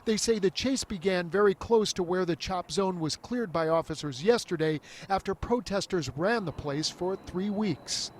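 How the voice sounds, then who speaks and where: A man reporting live for the news from outdoors at a busy intersection, with steady, urgent newscaster delivery. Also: high voice, normal speed, few pauses, slight background noise. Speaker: field reporter.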